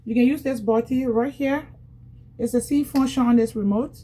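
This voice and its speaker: A Liberian woman with a Liberian accent chats casually to viewers as a vlogger, unboxing a product at home. Her voice is slightly high, steady, mellow and a little breathy, at a moderate pace. She talks straight to viewers and repeats herself as she goes.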